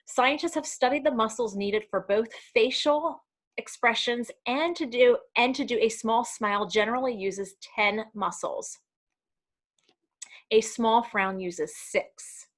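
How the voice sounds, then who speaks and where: A woman's voice: a little high, unhurried. A woman leading a virtual workplace training, talking casually with ums and self-corrections as she walks through slides. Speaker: community education trainer. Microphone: video call.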